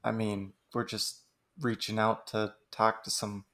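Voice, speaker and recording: Male podcast co-host, low gravelly voice, relaxed chatty musing. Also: measured pace. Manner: laughs often, musing and talkative. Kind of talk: casual chat.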